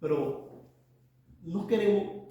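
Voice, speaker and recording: A man preaching a sermon as pastor, swinging between loud emphatic cries and quiet, dropped asides. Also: high voice, slow. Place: church hall. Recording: echoey church room from off-mic.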